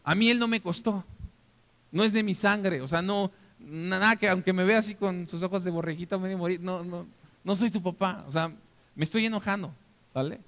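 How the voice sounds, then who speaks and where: A man with a Mexican accent preaching a sermon as pastor, animated and interactive, often checking that the congregation is following. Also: high-pitched, a little fast. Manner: animated, acts out scenes for the listeners. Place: church hall. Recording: long reverb of a church hall.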